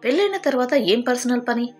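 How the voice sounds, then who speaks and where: A woman's voice: a little high, expressive, brisk, a little mellow, faint music behind, voice pushed up, natural voice. A woman voicing a suspicious, proud young husband in a storybook narration, pressing with indignant questions. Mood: agitated.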